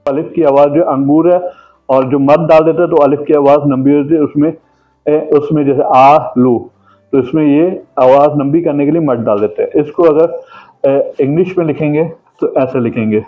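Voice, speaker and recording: A man teaching a classroom lesson, explaining slowly with pauses and fillers. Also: fairly high pitch, fairly even intonation. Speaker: Urdu teacher. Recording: tinny phone-like sound, faint music.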